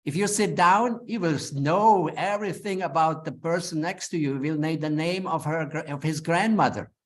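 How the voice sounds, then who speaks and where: A middle-aged Swiss man with a Swiss German accent, for whom English is a second language, gives an advisory webinar talk to lawyers. His voice is on the high side and moves at normal speed. His advice is earnest and plain-spoken, with frequent restarts.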